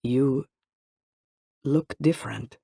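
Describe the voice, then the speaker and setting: A man reading an audiobook, voicing an earnest young man who speaks softly and slowly. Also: mid-range voice, no room sound, clean studio sound, close to an everyday voice. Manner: soft-spoken and slow. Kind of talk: audiobook character voice.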